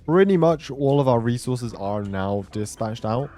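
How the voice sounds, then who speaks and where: An animated but unhurried man with a medium-pitched, dark-toned voice hosts a gameplay video, commenting casually. He thinks out loud and talks through his decisions while music plays behind him.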